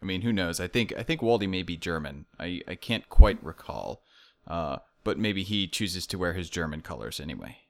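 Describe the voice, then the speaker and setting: Casual male interviewer, slightly low voice, jokey, pokes fun at himself. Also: expressive, moderate pace, a bit bright. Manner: joking, self-deprecating.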